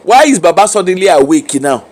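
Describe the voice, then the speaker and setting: A man's voice: sits high, sing-song, fairly quick. A Nigerian man giving informal opinion commentary in Nigerian Pidgin mixed with English, challenging with repeated rhetorical questions.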